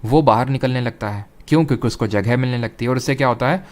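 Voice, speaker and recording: A man's voice: mid-range voice, fast. A young adult man teaching an exam-prep geography lecture, explaining step by step, mixing in English terms and often checking whether students follow.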